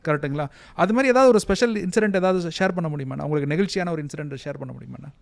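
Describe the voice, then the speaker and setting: A man with a Tamil Indian accent interviews at a very rapid clip in a slightly high voice. He is deferential and effusive, quick to agree, and the sound is dry and close. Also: creaky, no echo. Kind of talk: conversational interview.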